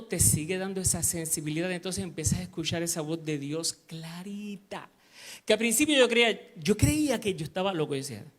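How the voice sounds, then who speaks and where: A middle-aged man with a Puerto Rican Spanish accent, preaching a sermon and telling stories from his own life, moving between hushed and loud passages. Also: high voice. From Puerto Rico. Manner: storytelling, swings from hushed to loud. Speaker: pastor.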